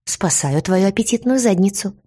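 A woman's voice: fairly low pitch, expressive, normal speed, dark tone. A treacherous young woman in a spoken story, with a ringing voice and a smug, taunting edge, as the woman narrating puts her on. She sneers at the heroine with open contempt.

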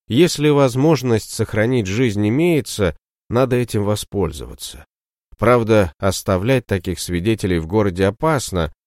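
A man narrating an audiobook in a steady storytelling manner, recorded on a close mic. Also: lowish voice, no room sound.

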